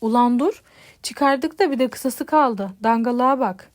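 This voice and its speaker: A woman's voice: fairly high pitch, a little slow, close to an everyday voice. A woman doing an offhand, teasing man. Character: laid-back grown man, mocking lawyer friend.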